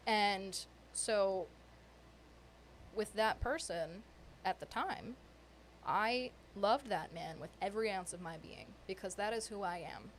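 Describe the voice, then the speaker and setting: A woman's voice: mid-range voice, slight background noise. A woman talking casually and reflectively, repeating phrases to stress her points. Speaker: podcast participant. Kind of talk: casual personal podcast conversation.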